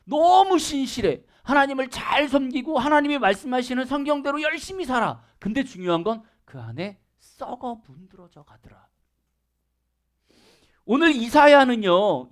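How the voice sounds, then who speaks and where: A man pastor preaching a sermon at a church worship service, asking the congregation questions and acting out dialogue. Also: extremely high pitch.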